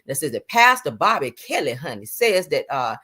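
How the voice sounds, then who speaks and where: A woman's voice: sits low, big pitch swings, moderate pace, bright, forceful tone, slightly rough. A woman host giving sassy casual commentary on the news, calling her viewers honey and child.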